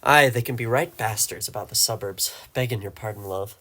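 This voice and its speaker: A blunt police constable, low and plain-spoken, put on by a male narrator. He talks in short, gruff lines with a calm, soothing edge. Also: fairly quick.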